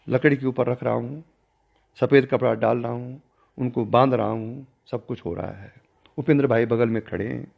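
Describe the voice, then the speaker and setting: An older man, a spiritual teacher, recounting a personal story in a discourse and acting out the dialogue with changing pitch and loudness. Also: gravelly. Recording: dull lo-fi recording.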